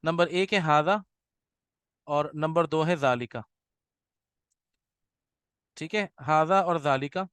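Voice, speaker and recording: A patient man teaching a grammar class, repeating examples slowly and checking in with his students. His voice sits a little high and comes across smooth and crisp. The sound is dry and close, with no room echo. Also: fairly bright tone. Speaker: Arabic teacher.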